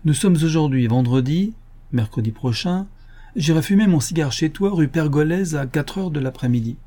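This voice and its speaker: Un cambrioleur gentleman, raffiné et moqueur, lu par un homme, dans un livre audio. Il parle avec ironie et une assurance tranquille, d'une voix douce et un peu voilée. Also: a little high, expressive, moderate pace, voice pushed up. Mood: teasing. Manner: ironic, playful and self-assured. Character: suave, mocking male gentleman burglar.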